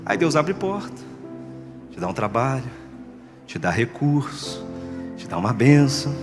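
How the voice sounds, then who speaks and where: A man's voice: medium pitch, sing-song, measured pace, big-room sound, over music. A man from Brazil preaching a sermon as pastor, joking and acting out the voices of people who complain. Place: church sanctuary.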